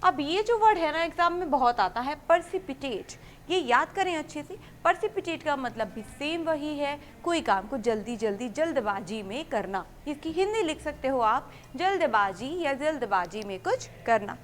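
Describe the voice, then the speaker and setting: A woman with a high voice teaches English vocabulary for exam preparation, explaining each word step by step. She asks questions and answers them herself, and reads English example sentences slowly. A faint noise sits behind her voice. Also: animated. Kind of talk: vocabulary lesson for exam students.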